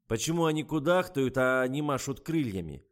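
A man voicing an irritable male film director who shouts bossy orders. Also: fairly low pitch, drawn-out words. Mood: irritated. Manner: barking, bossy.

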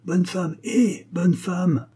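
A man voicing a kindly, devout old shoemaker who speaks gently and earnestly. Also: medium pitch, expressive, normal speed, husky. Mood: coaxing.

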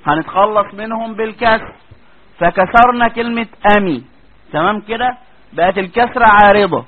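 A man with an Egyptian accent giving a classroom lecture as a teacher, speaking colloquially and often checking with his students. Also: sits high. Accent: Egyptian Arabic. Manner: colloquial, keeps asking students check questions. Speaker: tajweed teacher. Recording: tinny phone-like lo-fi audio.

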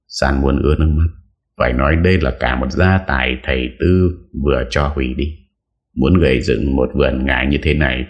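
A man reading a story aloud in a measured, steady audiobook narration. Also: rumbling low.

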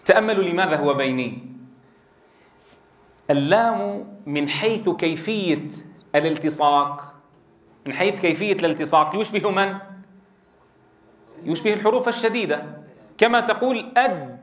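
High-voiced man teaching in an echoey room. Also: lively intonation, normal speed, long pauses, a bit bright. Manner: explains and quizzes the class, drills sounds aloud. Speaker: Quran recitation teacher. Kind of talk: classroom lesson with drills.

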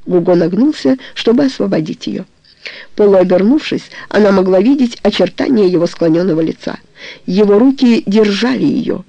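Gravelly, dark-voiced audiobook narrator. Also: mid-range voice, expressive, normal speed, dry recording. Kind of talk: literary novel reading. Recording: dull lo-fi recording.

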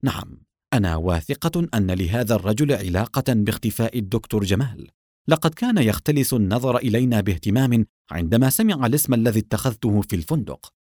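A man reading an audiobook, voicing a composed young female lieutenant who explains herself in a measured way. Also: fairly low pitch, lively intonation, mellow, no room sound, studio quality. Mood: earnest.

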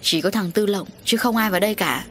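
A woman's voice: medium pitch, quick pace, slight background noise, natural voice. A woman narrator voicing a frightened, despairing middle-aged male shrimp farmer in her own voice. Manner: groaning, despairing.

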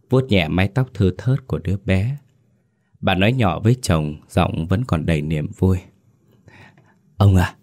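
A man narrating a ghost story in a slow, somber audiobook style. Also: low voice.

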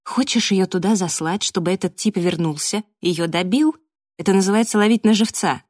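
A woman voicing a stern male lead investigator who speaks curtly in a deliberately even tone in an audiobook. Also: mid-range voice, no echo, clean studio sound, natural voice.

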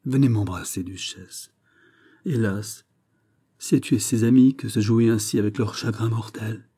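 A man doing a wounded, threatening queen, hushed, mellow and husky. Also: lowish voice, unhurried. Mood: grieving. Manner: hushed and menacing.

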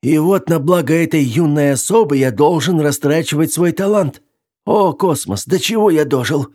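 A man voicing a cantankerous, scrawny old male scientist in a thin falsetto, with shrill, theatrical, indignant outbursts. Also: normal speed, a little mellow, close to an everyday voice. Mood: pompous lament. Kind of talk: audiobook character voice.

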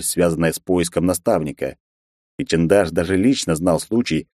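A man reading an audiobook in a steady, even storytelling manner on a close studio mic. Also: sits low, dry recording. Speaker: audiobook narrator. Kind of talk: scripted narration.

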